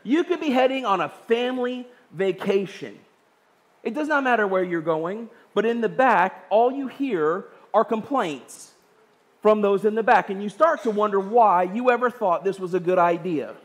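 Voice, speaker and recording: A man's voice: high-pitched, animated, normal speed. A man preaching a sermon in a church. He talks to the congregation in a conversational way, often asks "right?", and acts out the complainers. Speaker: pastor. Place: church sanctuary.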